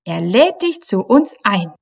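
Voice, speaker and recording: A woman's voice: mid-range voice, big pitch swings, a little slow, creaky, dull audio, heavily acted. A woman voicing a cheerful little girl mermaid in a bubbly, eager way. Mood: joyful.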